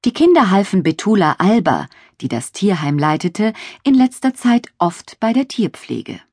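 A woman narrating a children's audiobook with expressive storytelling. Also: mid-range voice, normal speed, husky, dry recording, clean studio sound.

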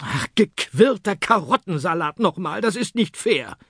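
A man doing a high, bossy Easter Bunny. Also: very animated, normal speed, husky, dry recording, clean studio sound. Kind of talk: children's audiobook acting.

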